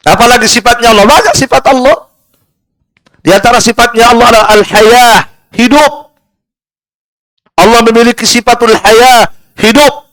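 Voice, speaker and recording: Lively preacher man with high voice. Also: dry recording. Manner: lively and rhetorical, keeps asking the room "kenapa?" and answering himself; recites Arabic verses in a slow chant. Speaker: ustadz teaching Quran exegesis. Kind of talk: live sermon-style study class. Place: prayer room.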